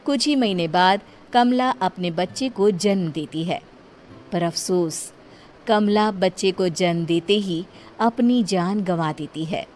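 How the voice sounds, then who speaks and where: A woman's voice: on the low side, slow, a little mellow, a little hiss or hum. A woman reading scripted story narration as the storyteller. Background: music.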